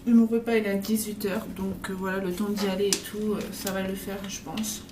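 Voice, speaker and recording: A woman's voice: medium pitch, little pitch movement, fairly quick. A woman in her twenties chatting casually in a travel vlog from a hotel room, rambling with many fillers and restarts. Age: 20s. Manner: rambling, filler-heavy, self-correcting. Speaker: vlogger. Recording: roomy, distant, noisy.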